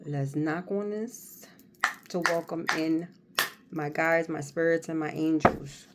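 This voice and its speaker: A woman host chatting casually and rambling through a tarot card reading, folksy and jokey, often pausing and repeating herself. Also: low voice, steady tone. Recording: clear background noise, card shuffling and clicks.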